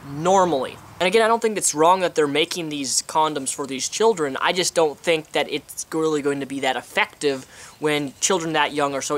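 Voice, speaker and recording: A man's voice: on the high side, fairly bright tone, slight background noise. Young man vlogging outdoors. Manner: chatty, eating while talking. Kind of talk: casual opinion vlog. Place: outdoors on a sunny day.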